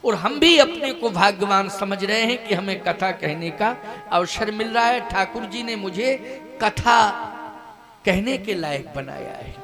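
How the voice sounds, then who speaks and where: A man's voice: high-pitched, animated, a little slow. An older man giving a devotional sermon to a live audience. He repeats his phrases and asks the audience questions that he answers himself. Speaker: spiritual teacher giving a scripture discourse. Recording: devotional music playing under the voice.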